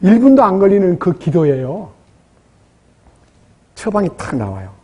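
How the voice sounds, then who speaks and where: Husky high-voiced Korean preacher man. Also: big pitch swings, normal speed, mellow. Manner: preaching with questions to the congregation and acted prayers. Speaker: pastor. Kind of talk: sermon. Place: church.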